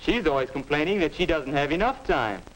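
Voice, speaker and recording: A man's voice: on the high side, lively intonation, brisk, close to an everyday voice. A young male actor playing a restless, skeptical teenage boy, earnest and questioning, in a 1950s educational film. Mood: puzzled, curious. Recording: noisy 1950s film soundtrack.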